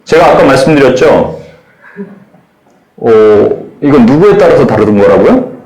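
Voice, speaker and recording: A man preaching a sermon in an animated way, acting out the voices he quotes. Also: medium pitch, moderate pace, echoey room, low-quality recording. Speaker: pastor.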